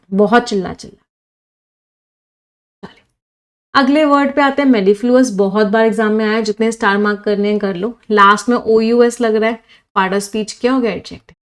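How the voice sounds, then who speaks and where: Hindi-English teacher quizzing a live class. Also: female voice, fairly high pitch. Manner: asks the class questions and answers them herself, mixing Hindi and English; reads chat comments from live viewers. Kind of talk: live online exam-prep vocabulary lesson.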